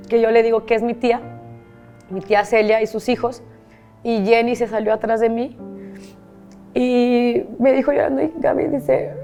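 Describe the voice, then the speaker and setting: A woman's voice: on the high side, darkish tone, dull audio. A woman from Monterrey with a Mexican accent, a guest telling her life story candidly, repeating herself and swearing casually. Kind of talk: emotional personal storytelling.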